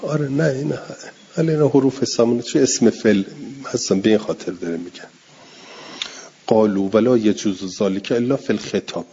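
A husky man gives a classroom lecture, reading a text and explaining it phrase by phrase. He stretches out words he repeats for his students. The recording sounds dull and lo-fi. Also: fairly low pitch, dark tone. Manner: reads Arabic phrases then explains them, drawing out repeated words slowly. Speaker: teacher of Arabic grammar and Quran exegesis.

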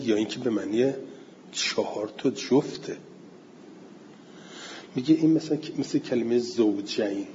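Male teacher, methodical explainer who quizzes himself, mid-pitched, faint background hum. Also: darkish tone, in a large hall, muffled recording. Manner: explains step by step, poses and answers his own questions; slows down to recite Arabic verse and terms. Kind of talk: explaining Arabic word meanings in a class.

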